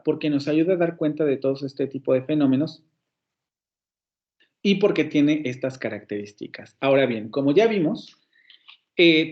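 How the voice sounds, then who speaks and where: A man's voice: fairly high pitch, a little mellow, highs cut off. A man with a Mexican Spanish accent giving an online university phonetics lecture, explaining step by step with fillers and self-corrections.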